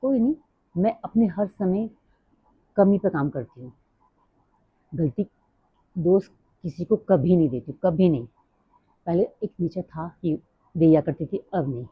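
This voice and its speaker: A middle-aged woman talking fast and rambling in a casual personal vlog. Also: fairly low pitch, expressive, husky, dry recording. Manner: rambling, drifts off topic. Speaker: vlogger. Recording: dry, tinny phone-like sound.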